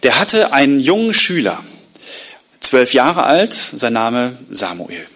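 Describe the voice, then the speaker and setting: A man preaching a sermon, retelling a Bible story in a lively, colloquial way and acting out the quotes. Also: medium pitch, slow. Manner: colloquial asides. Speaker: pastor.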